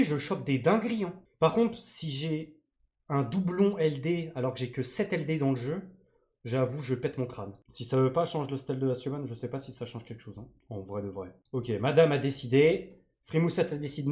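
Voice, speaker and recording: A man from France commentates his game live for his viewers. He talks in a loose, slangy, teasing way at an ordinary middle pitch. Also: lively intonation, normal speed, a little mellow. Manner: slangy, joking banter with chat. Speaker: streamer. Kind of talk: live-stream gaming commentary.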